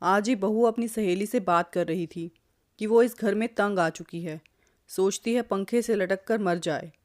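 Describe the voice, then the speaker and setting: A woman's voice: mid-range voice, a little slow, a little mellow, natural voice. A woman voicing a stern, protective older mother-in-law who lectures and scolds. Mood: sly.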